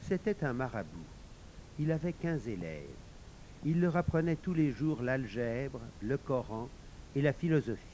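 A man narrating a folk tale in a measured, expressive storytelling voice. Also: mid-range voice, slight background noise, poor audio.

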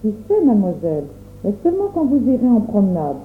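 A woman's voice: medium pitch, huge pitch swings, quick pace, a little hiss or hum. A woman voicing a deferential chambermaid who speaks in a polite, matter-of-fact way. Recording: tinny phone-like sound, roomy echo.

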